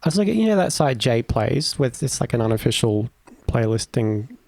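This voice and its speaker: A man hosting a podcast, chatting in a relaxed way with trailing asides. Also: medium pitch, moderate pace, gravelly, dry recording. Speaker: podcast host. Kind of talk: casual chat.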